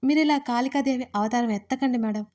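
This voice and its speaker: Woman playing a playful young man, teasing, mock-pleading, fairly high voice, audio storybook. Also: fairly quick, darkish tone, natural voice.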